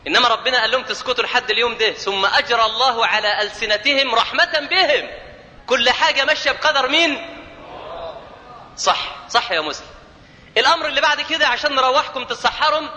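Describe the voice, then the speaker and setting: Egyptian male preacher, very high, piercing tone, playful, quizzes the crowd, long hall reverb. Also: sharp tone. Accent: Egyptian Arabic. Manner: jokey, asks the audience questions, chants scripture. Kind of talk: lively colloquial sermon.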